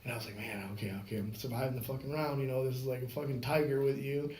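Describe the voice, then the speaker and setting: A man's voice: mid-range voice, steady tone, racing, a little mellow, roomy sound, a little hiss or hum. A man telling profane, joking fight stories as a guest in a casual podcast chat. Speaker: podcast guest, MMA referee and comedian.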